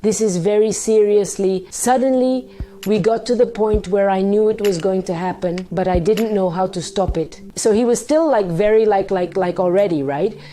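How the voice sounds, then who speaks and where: A woman vlogger with a mellow, hoarse voice, half gone after a night of partying, tells a confessional story to camera on her own storytime channel. Her pitch is medium and her pace moderate, and she recounts events candidly and dramatically, quoting dialogue along the way.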